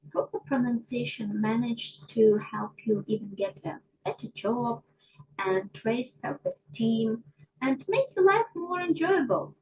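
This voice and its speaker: A woman teaching English pronunciation to a class, slow and deliberate, often checking in with her students. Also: on the high side, darkish tone, husky, low-quality recording. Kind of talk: online micro lesson.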